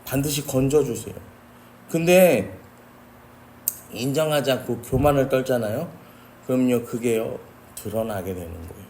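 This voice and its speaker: A man's voice: medium pitch, expressive, moderate pace, pauses often, darkish tone, a little hiss or hum. A man preaching a sermon as pastor, earnest and often addressing the congregation directly. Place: church sanctuary.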